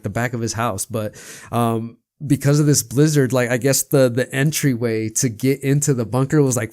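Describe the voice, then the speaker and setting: A male podcast host talks through a loose, rambling monologue, leaning on "man" and "you know what I mean" as he goes. His voice sits a bit low and relaxed, with a casual, conversational tone. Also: clear, resonant tone, dry recording, studio quality.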